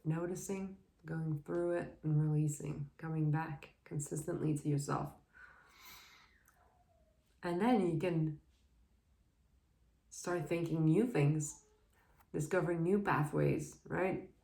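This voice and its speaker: A woman giving a casual, meandering tarot reading, soft and dreamy, often laughing. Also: sits low, steady tone, slow, vocal fry, long pauses, reverberant. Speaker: tarot reader.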